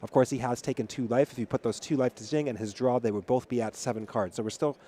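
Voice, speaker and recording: A man's voice: medium pitch, steady tone, fast talker, warm tone. A man giving analytical play-by-play commentary on a card game tournament. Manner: analytical, counting out plays.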